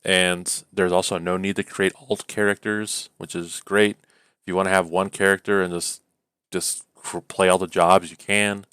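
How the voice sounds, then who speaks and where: A man co-hosting a podcast, chatting casually about games in a rambling way, full of fillers and quick laughs. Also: deep voice, flat delivery, fairly bright tone, clean tone, no room sound. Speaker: podcast co-host. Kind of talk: casual gaming chat.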